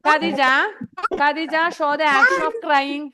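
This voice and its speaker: A woman with a high voice and a Malayali accent teaches English to young children in an online class. She draws out her English words very slowly, then rattles off explanations in Malayalam. She calls on the children by name to coax them along. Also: animated, heavy background noise. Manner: slow, drawn-out English, then quick switches into Malayalam explanations.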